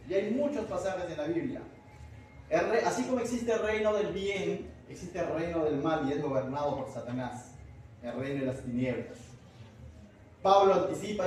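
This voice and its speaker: Pastor from Peru, high voice, chatty Bible teaching; captured far off in a booming church hall. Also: male voice, darkish tone, a little hiss or hum. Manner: conversational, asks the congregation questions. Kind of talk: verse-by-verse Bible study sermon.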